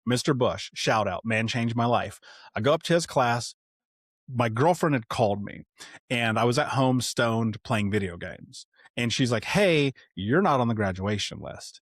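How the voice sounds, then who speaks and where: A man's voice: mid-range voice, no room sound, clean studio sound. A man from the United States, a podcast guest, telling his own life story in a candid, emphatic way, swearing casually and acting out old conversations. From Indianapolis, United States. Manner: blunt and emphatic, swears casually, retells past dialogue.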